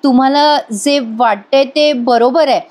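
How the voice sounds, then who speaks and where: A woman's voice: high-pitched, measured pace, a little mellow. A woman voicing a frightened young wife who pleads with her husband, in a serial recap. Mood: fearful, pleading.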